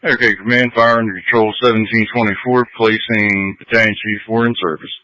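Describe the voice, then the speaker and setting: Brisk, low-voiced male radio dispatcher. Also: little pitch movement, bright, forceful tone, dry recording, dull audio. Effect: two-way radio. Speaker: fire communications dispatcher.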